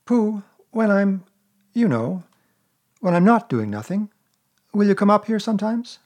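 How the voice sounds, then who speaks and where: A man voicing an earnest, dreamy little boy, pitching his husky voice up and raising it eagerly. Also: very animated, a little slow, darkish tone, full character voice.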